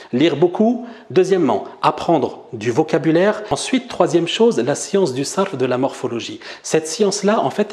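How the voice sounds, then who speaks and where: A man at a mid pitch talks his viewers through a language lesson one step at a time. He writes examples out as he goes and keeps checking that everyone is following. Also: a little mellow. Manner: explains step by step, often asks "d'accord?". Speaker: Arabic teacher. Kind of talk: whiteboard lesson explaining grammar.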